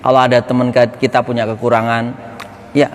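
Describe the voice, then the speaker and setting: A man giving an informal, animated religious lesson to young students. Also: medium pitch, fairly quick, big-room sound, a little hiss or hum. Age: 30s. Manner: animated, acts out classmates' quips. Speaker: ustadz teaching students.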